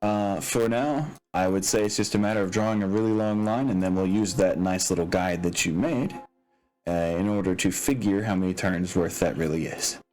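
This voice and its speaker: Here a game master walks through tabletop mechanics informally, thinking aloud and hesitating now and then. He speaks at a normal speed in a deep, darkish voice, and background music can be heard.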